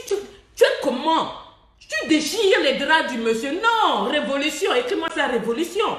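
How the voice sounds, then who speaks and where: Blunt high-voiced woman coach, roomy echo. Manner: blunt, mocking, laughs often mid-sentence; drops in English phrases. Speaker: relationship coach. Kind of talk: live-stream advice talk.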